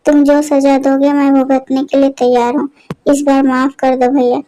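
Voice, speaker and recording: A woman's voice: sits high, monotone, normal speed, dark tone, close to an everyday voice, poor audio. A woman voicing a sly, greedy male village thief who wheedles and pleads in a storybook tale. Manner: wheedling, pleading when caught.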